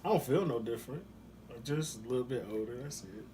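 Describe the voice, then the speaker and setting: A man's voice: medium pitch, animated, quick pace, dark tone, slight background noise. A man of thirty from Ohio, talking in a laid-back, joking, slangy way in a casual couples Q&A vlog. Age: 30s. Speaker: vlogger.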